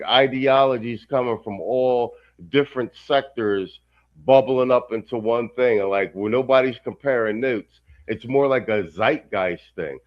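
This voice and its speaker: Lo-fi panel host, relaxed. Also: male voice, mid-range voice. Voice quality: loose, conversational. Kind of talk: casual chat. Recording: dull lo-fi audio.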